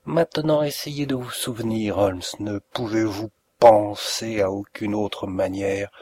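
A man voicing a cruel, mocking middle-aged villain in an audiobook reading, with a gravelly, husky voice and a slow, deliberate delivery. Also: fairly low pitch, mellow. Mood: gloating. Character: cruel sneering male planter, middle-aged, gloating.

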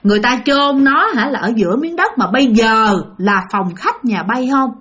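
A woman's voice: fairly high pitch, expressive, moderate pace, fairly bright tone. A woman voicing a bossy old ancestor spirit. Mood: scolding. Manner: blunt, bossy, scolding. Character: scolding old female ancestor spirit speaking through a medium.

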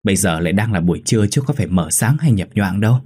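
Một người đàn ông giọng trầm khàn lồng tiếng một bà vợ nông thôn lớn tuổi hay lo lắng, nói lắp khi sợ hãi. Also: male voice, lowish voice, animated, fast talker, warm tone, husky. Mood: teasing, rising. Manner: anxious, stammering when scared. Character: worried older village wife, anxious, fussing.

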